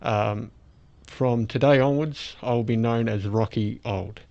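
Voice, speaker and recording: Speaking through a face mask, this toothless Australian podcast host rambles through casual explanations at a measured pace. He has a creaky, medium-pitched voice with soft-edged, toothless articulation, captured in dull lo-fi audio.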